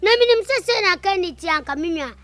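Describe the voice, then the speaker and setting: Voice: very high voice, expressive, fast, sharp tone, no room sound, heavily acted. A performer with a Ghanaian accent and Twi as native language, playing a gossiping, indignant friend in an improvised comedy skit, with dramatic exclamations. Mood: scandalised. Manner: dramatic, exclaiming, repetitive storytelling.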